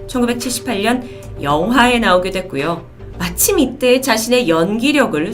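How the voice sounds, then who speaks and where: A woman hosting a storytelling video, explaining events in polite presenter phrasing. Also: medium pitch. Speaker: host of a storytelling video channel. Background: faint music.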